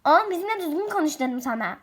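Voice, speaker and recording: A woman's voice: mid-range voice, lively intonation, fast, creaky, darkish tone, a little hiss or hum, voice pushed down. A woman voicing a strict stepmother who scolds her stepson sternly in a toy role-play story.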